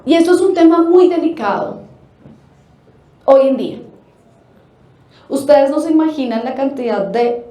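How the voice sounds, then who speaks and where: A Colombian woman giving a lecture at a family forum, animated, asking rhetorical questions and acting out quotes. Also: high voice, roomy sound. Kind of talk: lecture to an audience. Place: forum hall.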